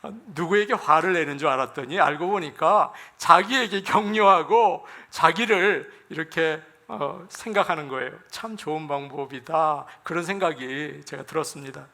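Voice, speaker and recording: Korean pastor preaching with a bright voice. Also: male voice, fairly high pitch, moderate pace, gravelly, few pauses. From South Korea. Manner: gentle, conversational preaching with acted quotes. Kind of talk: sermon.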